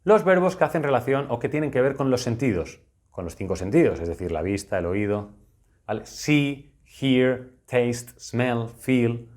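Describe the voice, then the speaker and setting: A man's voice: medium pitch, expressive, a little slow, a little mellow. Patient Spanish man teaching English grammar. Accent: Spain Spanish. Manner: patient, explanatory, repeats key points. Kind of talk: recorded video lesson.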